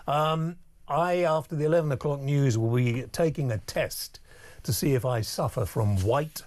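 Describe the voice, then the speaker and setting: A man hosting a live late-night talk radio show with smooth host patter, bringing callers on air and chatting with his co-host. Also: fairly high pitch, moderate pace, darkish tone, dry recording. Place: radio studio. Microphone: studio microphone.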